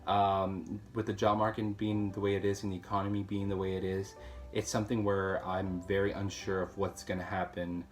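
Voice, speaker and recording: Low-voiced hesitant young man. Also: flat delivery, moderate pace, faint music behind. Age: 20s. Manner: hesitant, lots of fillers. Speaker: student advocate. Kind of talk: testimonial interview.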